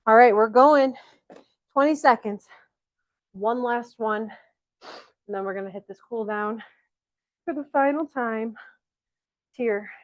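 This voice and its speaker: A woman with a Southern accent leading a workout class as fitness coach, out of breath, counting down and pushing her class on with energetic encouragement. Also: fairly high pitch, slow, long pauses, highs cut off. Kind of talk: live workout class cues.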